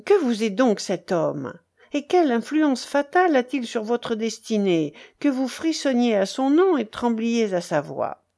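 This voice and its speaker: A stern, suspicious baron, as a woman reader acts him out, questioning in a hard, harsh tone. Delivered slowly and mellow, dipping a little lower than the narration. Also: expressive. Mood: angry. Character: angry, suspicious nobleman, a baron.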